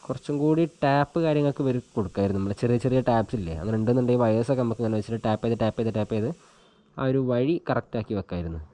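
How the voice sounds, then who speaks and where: A mid-range, mellow voice races along as this vlogger chats informally through a hands-on installation demo. He thinks aloud while working, recorded by an action camera on his helmet.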